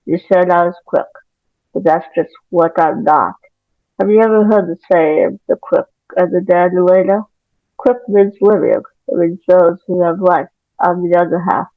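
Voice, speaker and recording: A woman voicing a brooding young male vampire, weary and bitter, in a quiet, flat delivery, for a storybook reading. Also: on the low side, measured pace, dry recording. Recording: tinny phone-like home recording.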